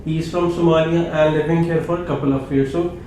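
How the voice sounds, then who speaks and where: A man's voice: a little high, steady tone, fast talker, mellow. A man from Pakistan hosting an interview, casual and encouraging, with frequent affirmations. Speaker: interview host. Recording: echoey room with faint noise.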